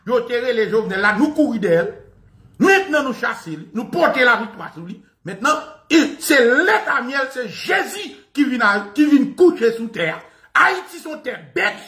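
A man delivers satirical commentary in a high, sharp voice that leaps all over the place. He mocks as he goes, laughing and mimicking bangs and gunfire. The sound bounces around an echoey room. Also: sing-song, moderate pace. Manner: mocking, laughs while talking, imitates bangs and gunshots. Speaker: online commentator.

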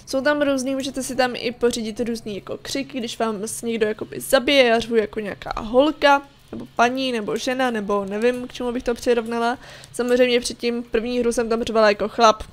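A woman's voice: on the high side, fairly even intonation. A young woman hosting casual let's-play commentary, chattily explaining the game to her viewers. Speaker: gaming channel host.

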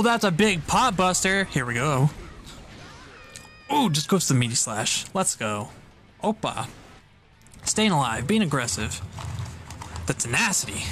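Man, esports play-by-play, excitable and joking, lively swooping voice, eating while talking. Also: mid-range voice, a little hiss or hum. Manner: excitable, jokey play-by-play with sudden exclamations. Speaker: tournament commentator. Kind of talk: live esports play-by-play commentary. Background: music playing behind.

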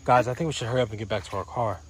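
A man's voice: medium pitch, racing, a little hiss or hum. A man, a father, vlogging a family walk in the woods; he talks jokingly and sounds out of breath. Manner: jokey, animated, teasing. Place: outdoors in woods.

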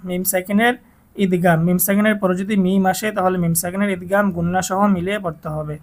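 A man with a Bangladeshi Bengali accent teaching Quran reading, who spells out letters and vowel marks and then draws out whole words slowly. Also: high-pitched, fairly even intonation, creaky.

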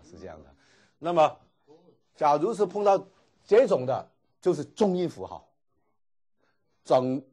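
A man's voice: a little high, darkish tone. A man teaching a Greek class, explaining patiently and dropping frequent filler particles. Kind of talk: classroom lecture.

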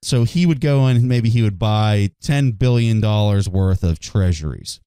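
A man co-hosting a casual podcast, speaking with a low, mellow voice. He tells stories with emphatic enthusiasm. The sound is dry and close, with no room echo. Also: a little slow, smooth. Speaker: podcast co-host.

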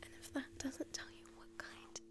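A woman's voice: normal speed, close to an everyday voice. A woman in her twenties playing a vain, condescending valley girl in a whispered role-play, with a drawl full of "like". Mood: smug, self-satisfied. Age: 20s. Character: bitchy, vain valley girl getting a friend party-ready. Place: small quiet room indoors, on a couch.

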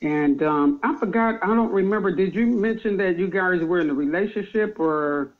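A man's voice: sits high, normal speed. A man hosting a talk show, chatting casually with his guest and laughing along. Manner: easygoing, laughs along, fillers. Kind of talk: casual interview chat. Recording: dull lo-fi audio.

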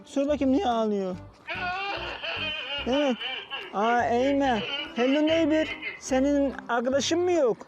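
A man's voice: very high-pitched, a little mellow, muffled recording. A father playing with his young son in a family vlog, talking in a coaxing, repetitive, playful way.

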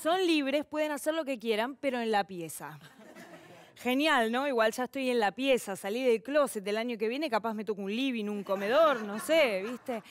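Una mujer joven argentina, con acento rioplatense, haciendo un monólogo de stand-up animado y cambiando la voz para imitar a su familia. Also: female voice, normal speed, dry recording. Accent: Rioplatense Spanish. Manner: animated, acts out family voices with shifts of pitch. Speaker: stand-up comedian. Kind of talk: stand-up comedy monologue.

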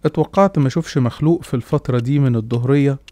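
Mellow-voiced Egyptian man telling horror. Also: mid-range voice, racing, a little hiss or hum. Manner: dramatic first-person storytelling. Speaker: storyteller. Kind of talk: scripted horror narration.

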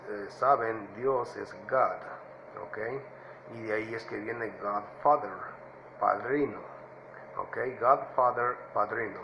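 A man hosting his own channel, explaining vocabulary in a relaxed way with frequent fillers and "ok?" checks. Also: fairly low pitch, background noise. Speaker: English teacher and channel host. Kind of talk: casual lesson.

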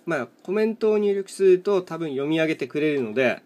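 A man's voice: a little high, expressive, a little fast, a little mellow. A man casually commentating as he plays, thinking aloud in short, matter-of-fact fragments. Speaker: host of a solo mahjong chat video and live streamer. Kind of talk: casual rambling commentary while playing tiles.

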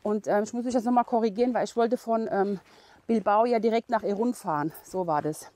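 A middle-aged hiking vlogger chats casually to a camera held at arm's length while walking a forest trail. Her mid-range, mellow voice is brisk and echo-free, and she rambles with many fillers and laughs, a bit out of breath.

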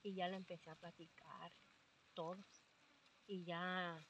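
A woman's voice: fairly low pitch, little pitch movement, measured pace, a bit bright, a little hiss or hum. An older woman with a Mexican accent, telling her story in a rambling way with many fillers, quoting what others said. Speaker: interviewee. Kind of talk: casual storytelling.

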